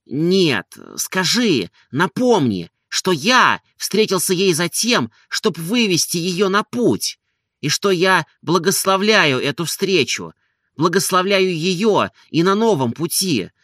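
A man voicing an emotional, excitable nobleman in an audiobook, gushing and pleading in turn. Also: high voice, slow, no room sound, clean studio sound, voice pushed up, full character voice. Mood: rapturous. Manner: gushing, pleading, breaking into tears and joy.

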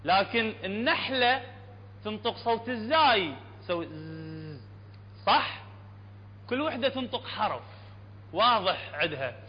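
A man with an Iraqi Arabic accent teaching Quran recitation, explaining letter sounds and often asking if it is clear. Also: sits high, lively intonation. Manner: explanatory, checks understanding often, demonstrates sounds slowly. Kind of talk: classroom lesson on tajweed. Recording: dull lo-fi recording with long hall reverb and faint hum.

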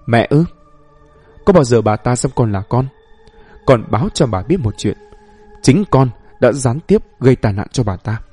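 A man's voice: medium pitch, lively intonation, moderate pace, pauses often, a little mellow, breathy edge, faint music behind. A man reading a bitter vengeful young ghost woman. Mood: cold. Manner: bitter, accusing.

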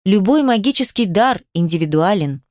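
A woman reading the part of an adult male mage teacher, calm and instructive, a little condescending. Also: mid-range voice, normal speed, dry recording, clean studio sound, close to an everyday voice.

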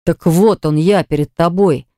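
A man's voice: a little high, a little slow, mellow, no room sound, clean studio sound, close to an everyday voice. A man voicing a jealous young ex-fiancé who pleads earnestly to win her back, in an audiobook. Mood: insistent. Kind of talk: audiobook dialogue reading.

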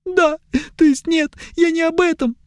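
A man's voice: very high voice, steady tone, unhurried, no echo, studio quality, voice pushed up. A man doing a whiny, tearful young elf. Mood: pleading. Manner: pleading, plaintive, near tears. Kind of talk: audiobook character voice.

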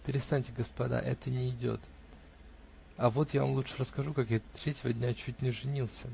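A man's voice: mid-range voice, level tone, brisk, gravelly, mellow, slight background noise. A man voicing a pompous domineering dinner host. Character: self-important swaggering male host of dinner.

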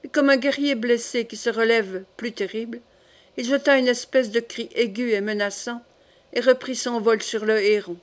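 A woman reading a classic French novel aloud as an audiobook, steady and literary. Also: on the high side, moderate pace. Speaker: audiobook reader. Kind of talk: audiobook narration.

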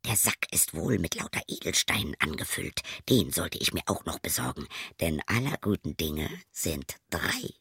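A man voicing a greedy, sly innkeeper in a storybook tale, muttering low, then pleading in a high voice. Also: fairly even intonation, takes it slowly, few pauses, no echo, clean studio sound. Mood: scheming.

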